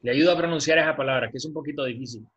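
A man teaching an English class in Spanish, patiently repeating words slowly for pronunciation over a video call. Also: mid-range voice, fairly bright tone. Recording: dull lo-fi video-call audio.

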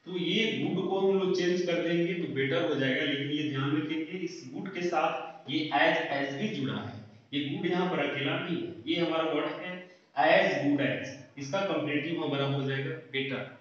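A male English teacher giving a grammar lesson, explaining step by step and answering his own questions. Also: a little high. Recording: echoey, distant, dull lo-fi room sound.

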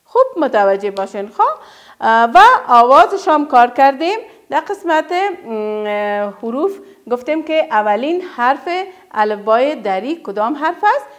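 High, lively Afghan Dari woman teacher. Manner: drawn-out, emphatic modelling of words for children to repeat; praises often, asks quick questions and answers them herself. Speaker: primary school teacher. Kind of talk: first-grade reading lesson.

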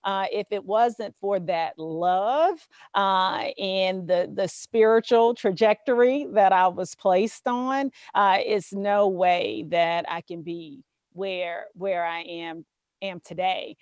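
A woman's voice: mid-range voice, slow pace, a little mellow, dry recording, highs cut off. A woman with a Southern US accent interviewing a guest in a casual, affirming way, with many fillers. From Southern US, Louisiana bayous.

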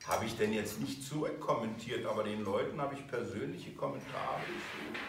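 A man teaching a video course delivers an emotional, animated lecture, acting out the voices he quotes. His voice is on the low side and fairly quick. He is recorded from a distance in a very echoey room with slight background noise.

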